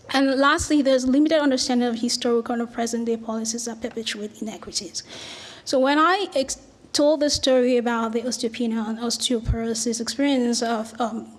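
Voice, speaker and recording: A middle-aged woman from Cameroon, giving an earnest academic lecture with slides and small restarts. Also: a little high. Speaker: researcher giving a talk.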